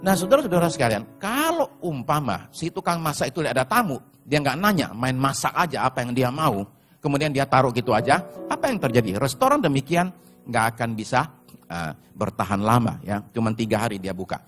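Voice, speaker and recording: A man preaching as pastor tells stories and speaks straight to the congregation, sometimes shouting in put-on voices. His mid-range voice is sing-song and fairly quick, with faint music in the background.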